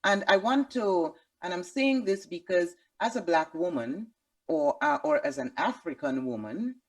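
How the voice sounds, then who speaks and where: A woman interviewing a guest, asking halting questions full of fillers and restarts. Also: medium pitch, very animated, vocal fry, dry recording, recorded from a distance.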